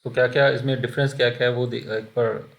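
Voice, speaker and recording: An Indian-accented man gives an online spoken-English lesson, with a voice of middling pitch. His delivery stays flat and even as he walks through examples one at a time. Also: fast, vocal fry. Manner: explains in a mix of Hindi and English, with examples. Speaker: English teacher.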